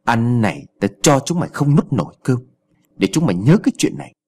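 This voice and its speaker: A man voicing an arrogant, bullying old village chief who sneers, insults and threatens, in a husky voice with wide swings of pitch. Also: big pitch swings, quick pace, darkish tone. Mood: furious.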